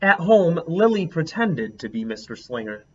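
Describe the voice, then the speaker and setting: A man reading a picture book aloud as a teacher, a lively storyteller who stops to comment on the pictures. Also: fairly high pitch, moderate pace, muffled recording, a little hiss or hum.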